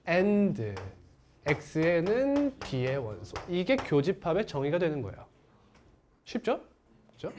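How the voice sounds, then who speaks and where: Lively male math teacher with a swinging pitch. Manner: lively teacher who asks the class questions and answers them himself. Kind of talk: classroom math lecture.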